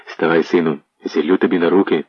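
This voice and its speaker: A man's voice: deep voice, steady tone, a little fast, husky, no echo, pitched below the performer's own voice. A man reading an audiobook, voicing an old peasant mother who fusses and apologizes, on a dull lo-fi recording. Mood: fussing. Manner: fussing, apologetic.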